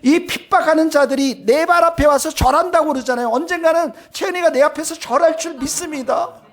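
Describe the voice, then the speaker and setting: A man's voice: very high voice, fairly quick, a bit bright. A male pastor delivering a sermon, speaking emphatically and turning often to address the congregation, with plain personal stories mixed in. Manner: tells personal anecdotes in a plain conversational tone.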